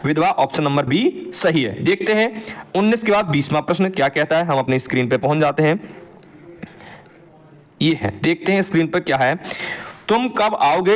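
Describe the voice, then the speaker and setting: A man teaching an exam answer walkthrough, asking his students a question and then answering it himself. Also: a little high.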